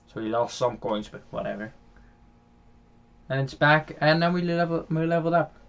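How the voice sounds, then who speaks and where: A man's voice: a little high, lively intonation, normal speed, gravelly, fairly bright tone, clear, resonant tone, highs cut off. Rambling Dutch-accented young man gaming. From Netherlands. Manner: rambling, many fillers and restarts, chuckles often. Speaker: gaming channel host. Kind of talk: casual gameplay commentary. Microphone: home microphone.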